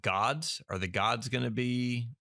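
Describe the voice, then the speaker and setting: A man's voice: medium pitch, slow pace, creaky, bright, forceful tone, dry recording, clean studio sound. A man co-hosting a podcast in casual chat, laid-back and hesitant, often chuckling along. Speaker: podcast co-host.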